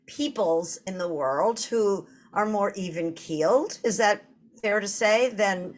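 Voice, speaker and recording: A woman's voice: mid-range voice, takes it slowly. Boston lady in her 60s on a live podcast, storytelling, joking around. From Boston area, US. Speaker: podcast co-host.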